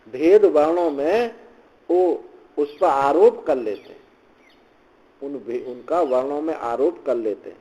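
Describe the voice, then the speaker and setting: Man, swami giving a scripture lecture, slow deliberate pace, slightly high voice, recites then explains. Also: warm tone, poor audio. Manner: recites Sanskrit then explains in Hindi, repeats phrases.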